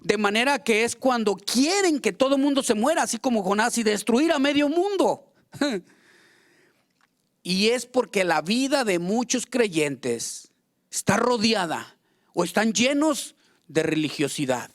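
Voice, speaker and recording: A man's voice: high voice, very animated, a little slow. A man preaching a fervent sermon as pastor, acting out quoted prayers and complaints.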